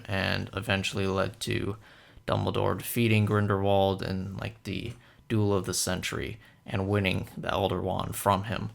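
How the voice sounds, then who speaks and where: A man's voice: fairly low pitch, vocal fry. A young man talking casually through a film analysis, rambling with many fillers and hesitations. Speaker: film commentator.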